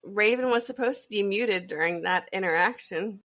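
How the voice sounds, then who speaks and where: A woman's voice: medium pitch, moderate pace, a bit bright. Playful teasing woman podcast host. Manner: playful and teasing, talks with her mouth full. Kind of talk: casual chat.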